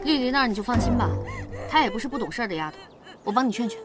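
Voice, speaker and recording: Actress as a knowing palace consort, high lively voice, heavy score behind. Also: female voice, rapid-fire, over loud music, natural voice. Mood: calm. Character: shrewd imperial consort, warm and commanding. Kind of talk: costume drama acting.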